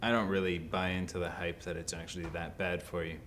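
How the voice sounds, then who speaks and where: Very deep-voiced, laid-back young man. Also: little pitch movement, a bit bright, a little hiss or hum. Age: 20s. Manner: laid-back, skeptical, unhurried. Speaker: interviewee. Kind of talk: candid interview answers.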